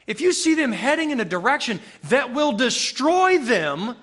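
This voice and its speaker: A man's voice: very high-pitched, sing-song, moderate pace, fairly bright tone. A man preaching a conversational sermon to a room of listeners, reading scripture and breaking into emphatic, raised outbursts. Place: room with a live audience.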